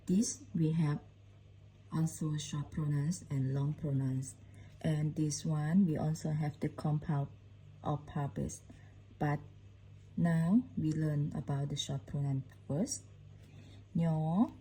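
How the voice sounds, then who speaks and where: A woman's voice: low voice, fairly even intonation, warm tone, a little hiss or hum, low-quality recording. A woman teaching her language in a short casual lesson, saying each letter sound over and over. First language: Lao. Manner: slow, repetitive, says each sound several times.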